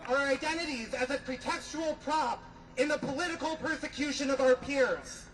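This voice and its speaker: A young man giving an impassioned podium speech as a student at a rally, speaking in a deliberate, emphatic, declamatory way. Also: extremely high pitch, rough recording. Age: young adult.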